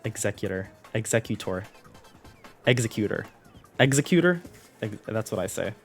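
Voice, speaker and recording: A man's voice: fairly low pitch, animated, moderate pace, faint music behind. A man chatting casually on a live stream, playful and laughing often as he toys with how words sound. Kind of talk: casual live-stream chat while opening cards.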